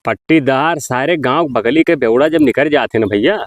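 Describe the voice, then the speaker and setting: A man's voice: medium pitch, moderate pace, a little hiss or hum, natural voice. A man with an Awadhi accent playing an irritable villager who scolds and mocks in an amateur comedy sketch. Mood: grumbling. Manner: scornful, scolding. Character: irritable, mocking villager who scorns the drunk.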